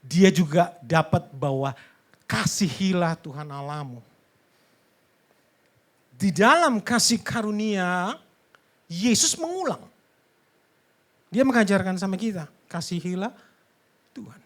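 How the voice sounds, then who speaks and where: Dynamic preacher dropping into hushed whispers. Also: mid-range voice, animated, takes it slowly, pauses often. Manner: dynamic, swings between loud emphasis and hushed near-whispers; conversational, asks the congregation questions. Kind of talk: sermon.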